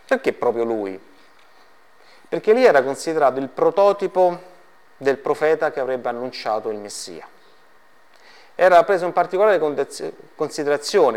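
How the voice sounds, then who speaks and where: A man preaching a sermon to a congregation, reading Bible passages and putting rhetorical questions to his listeners before answering them. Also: mid-range voice. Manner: addresses the congregation directly, lightly joking.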